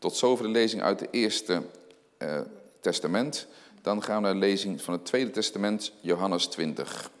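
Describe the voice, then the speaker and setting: A man giving a sermon and reading scripture aloud, animated and full of rhetorical questions. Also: deep voice, moderate pace. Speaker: lay preacher. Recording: long hall reverb.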